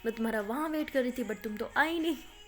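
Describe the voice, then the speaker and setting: A fretful young college girl, apologetic and pleading, as a woman storyteller puts her on. The voice sits a bit high, with no real disguise. She rushes through her sorries. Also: faint music behind, lightly acted.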